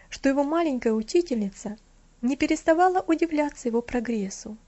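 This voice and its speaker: A woman's voice: a little high, mellow. Woman reading a storybook aloud. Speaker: narrator. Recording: dull lo-fi audiobook recording.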